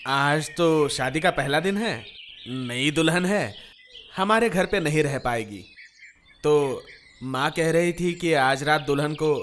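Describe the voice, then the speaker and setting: A man's voice: a little high, unhurried, a bit bright, slight background noise. An actor dubbing a cheerful newly married young man, bossy with workers and polite to an elder, in a film scene. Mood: polite, grateful. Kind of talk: Hindi film dub acting. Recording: film soundtrack with faint music.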